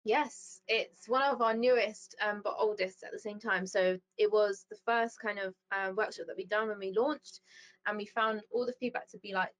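A woman's voice: medium pitch, fairly even intonation, moderate pace, low-quality recording. A young woman guest speaking about her work in a thoughtful, casual way, with many ums and likes. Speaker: founder and CEO, guest. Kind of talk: casual interview chat.

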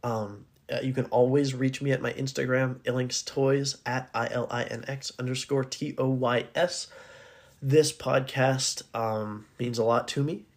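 A man speaks in a raspy voice that sounds hoarse, at a medium pitch. He is hosting a solo podcast in a casual, unscripted way. His delivery is earnest and addressed directly to the listener. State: hoarse, needing to clear his throat. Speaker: podcast host.

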